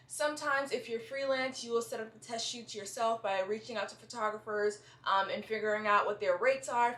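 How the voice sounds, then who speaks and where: Young woman, slight retainer lisp, higher voice. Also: fairly bright tone. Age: young adult. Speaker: vlogger, model giving advice. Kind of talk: casual explanatory vlog to camera. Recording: roomy indoor echo.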